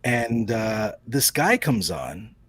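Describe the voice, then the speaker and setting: A man's voice: lowish voice, sing-song, slow, a bit bright, husky, dry recording. A man being interviewed as a comic book creator, chatting casually and telling rambling stories. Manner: rambling storyteller with restarts and laughs.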